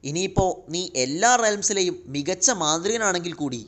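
A man voicing a cocky, mocking male dark elf warlord who taunts his foe in a comic retelling. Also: sits high, expressive, fairly quick, pitched above the performer's own voice. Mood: gloating taunt. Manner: taunting, gloating.

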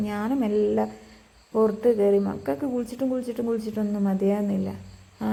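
A woman's voice: fairly high pitch, gravelly, mellow. A woman with a Malabar Malayalam accent giving a casual, chatty vlog voice-over, mixing English words into her Malayalam and addressing viewers familiarly.

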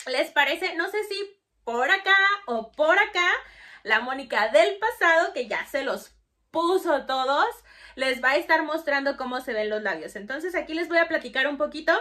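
A woman's voice: high voice, animated, moderate pace, bright, forceful tone. A young woman with a Mexican Spanish accent chatting casually to camera about lipsticks, bubbly and full of fillers. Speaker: beauty vlogger. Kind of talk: casual makeup review to camera.

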